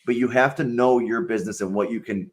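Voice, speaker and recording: Relaxed man talking matter-of-factly. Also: medium pitch, quick pace. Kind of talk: casual live-stream chat.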